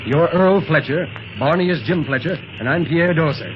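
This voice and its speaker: An actor playing a firm, instructing adult secret agent uncle in a 1930s radio serial. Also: male voice, fairly high pitch, normal speed, close to an everyday voice. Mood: commanding. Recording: dull noisy 1930s radio recording.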